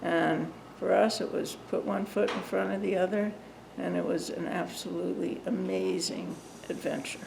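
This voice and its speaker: Gravelly older woman, upbeat. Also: on the low side, flat delivery, moderate pace, noisy background. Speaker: interviewee. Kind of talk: documentary interview. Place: living room, seated. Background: music.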